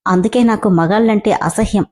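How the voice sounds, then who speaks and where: Scornful young woman, muttering low; narrator's own mellow voice. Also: moderate pace, natural voice. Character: bitter young woman who despises men.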